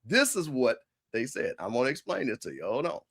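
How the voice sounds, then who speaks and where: A man's voice: medium pitch, big pitch swings, brisk, fairly bright tone, breathy edge. A man hosting a casual sports talk show, brash and scolding as he corrects his listeners. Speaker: show host.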